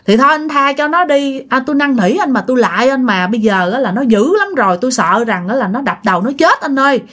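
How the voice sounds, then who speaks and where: A desperate mother, played by a woman, begging over and over for her son. She pleads softly and earnestly in a spoken ghost story. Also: high-pitched, lively intonation, fast talker, pitched above the performer's own voice. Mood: pleading.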